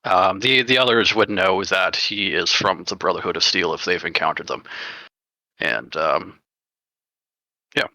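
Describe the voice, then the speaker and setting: A man's voice: sits low, measured pace, pauses often, pushed and bright, dry recording. A man describing his character in a tabletop game, rambling and hesitant with many fillers. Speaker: player. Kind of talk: tabletop play and narration.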